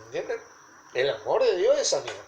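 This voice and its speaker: A man's voice: sits high, very animated, a little fast, a little mellow, reverberant, a little hiss or hum, low-quality recording. A man preaching a teaching sermon, stressing points with emphatic repetition.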